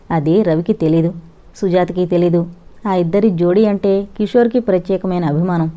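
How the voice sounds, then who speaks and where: A woman narrating an audio novel in a steady storytelling manner, on a dull lo-fi recording. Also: fairly low pitch. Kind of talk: scripted narration.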